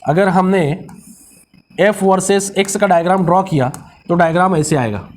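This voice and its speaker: A man with a raised, high pitch teaches physics to a class in Hindi with a Marathi-influenced accent. He drops English technical terms into his sentences. He keeps asking the students questions and then gives the answers himself. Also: moderate pace, a little hiss or hum. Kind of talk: classroom lecture.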